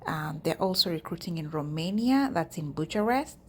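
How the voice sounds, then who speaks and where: A woman's voice: low-pitched, expressive, normal speed, darkish tone, a little hiss or hum. A woman vlogger talking casually to her viewers, chatty and addressing them directly as she walks through job listings. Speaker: YouTube vlogger.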